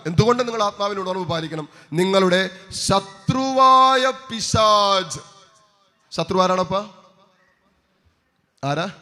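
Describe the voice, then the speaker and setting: A man's voice: fairly high pitch, long reverb tail. A man preaching a sermon as a priest, declaiming with rising emphasis, calling out hallelujahs and asking the congregation rhetorical questions.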